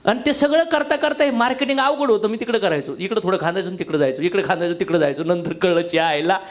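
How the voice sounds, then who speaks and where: High-voiced, blunt joking male speaker. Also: fast talker. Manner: blunt, slangy and joking, with emphatic repetition; fires questions at the audience. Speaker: motivational business speaker. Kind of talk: seminar talk to a live audience.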